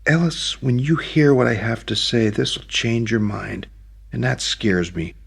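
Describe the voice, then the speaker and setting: A man's voice: mid-range voice, expressive, measured pace, vocal fry, breathy edge, voice pushed up, exaggerated voice. A man reading an audiobook, voicing a tearful, anxious young woman who pleads emotionally.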